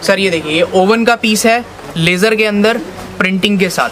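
High-pitched man, eager sales pitch. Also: normal speed, a bit bright, slight background noise. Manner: eager, insistent sales pitch, repeating selling points. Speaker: wholesale jeans seller. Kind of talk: sales demonstration. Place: small stock-filled jeans shop, indoors.

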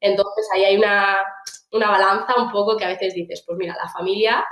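An upbeat young woman from Argentina talks in a casual, chatty way, often restarting her sentences and piling on fillers. Her voice sits at an ordinary middle pitch. The call is recorded in a small room with a noticeable roomy echo. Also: fairly even intonation, brisk, a bit bright. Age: young adult. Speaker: interview guest. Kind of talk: casual video-call interview. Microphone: video call.

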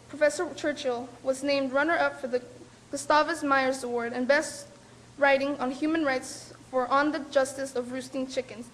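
A woman's voice: sits high, a little hiss or hum. A young woman, a student organizer, reading a prepared introduction of a speaker in a formal, careful way with small slips. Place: lecture hall with audience.

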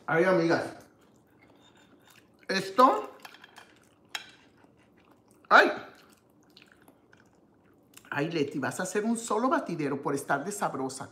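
A woman's voice: on the low side, very animated, takes it slowly, long pauses, a bit bright, reverberant. A woman from Mexico hosting a live cooking stream, tasting her dish with contented hums and greeting viewers by name. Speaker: cooking show host.

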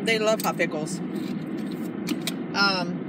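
A woman's voice: medium pitch, slow pace. A middle-aged woman chatting casually to her viewers while chewing mid-sentence, rambling and friendly in tone. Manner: chatty, rambling, talks to viewers as "you guys". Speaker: vlogger. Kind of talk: casual haul and taste-test vlog. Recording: distant mic with loud outdoor noise.

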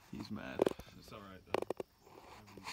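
A man vlogging a fishing trip from a small motorboat, joking and hollering with excitement. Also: fairly low pitch. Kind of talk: casual vlog narration. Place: outdoors on a small motorboat on open water. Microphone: handheld phone camera. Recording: loud boat engine and wind noise.

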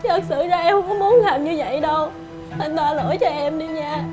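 Actress as young scheming wife, high and sugary, pleading; web drama with music bed. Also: female voice, steady tone, brisk, natural voice. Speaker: daughter-in-law. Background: background music.

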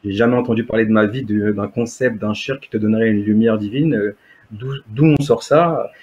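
A man in his thirties whose native language is Berber tells his story as an interview guest on a video call from a room at home, hesitating with lots of fillers and restarts. His voice is fairly low, a little mellow and slightly rough, and he talks a bit fast. The webcam audio is dull and lo-fi.

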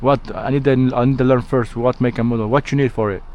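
Speaking fast in a mid-range, slightly mellow voice with fairly even intonation, a Turkish-accented locksmith from Turkey chats informally with a customer and often repeats himself. He's on a job at the customer's vehicle, and the recording is noisy.

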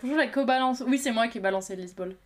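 A woman who works as a potter, chatting excitably on a live stream while she works and apologizing often. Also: on the high side, rapid-fire. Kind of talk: casual live-stream chat.

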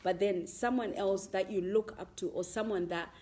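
A woman's voice: medium pitch, steady tone, moderate pace, dark tone. Chatty woman hosting. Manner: chatty, laughs often, mixes in Shona words. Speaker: host. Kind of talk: casual interview chat.

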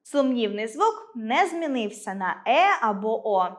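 A woman teaching a school language lesson, reading example words slowly and clearly, one by one. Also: on the high side, sing-song.

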